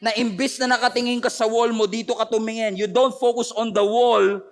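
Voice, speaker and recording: A man preaching a fervent sermon in a high voice that has gone hoarse. He slides between Tagalog and English and pushes his delivery into emphatic bursts as he speaks to viewers online. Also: little pitch movement, a little fast. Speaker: pastor. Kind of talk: impassioned sermon.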